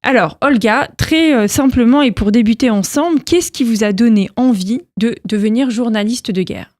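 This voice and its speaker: A woman co-hosting a radio show, presenting the topic and the guest in a clear, orderly way from prepared notes. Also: on the high side, normal speed, a little mellow, no room sound, clean studio sound. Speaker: co-host. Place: radio studio.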